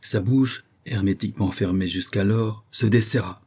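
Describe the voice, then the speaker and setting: A man narrating an audiobook in a measured, expressive reading. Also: lowish voice, slightly rough.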